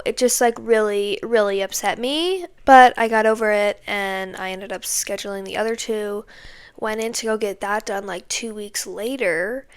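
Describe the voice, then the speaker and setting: A young woman with a slightly high voice talks in a loose, casual monologue. She vents with exasperation and leans on fillers like "like" and "okay". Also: clean tone. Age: young adult. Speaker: podcast host.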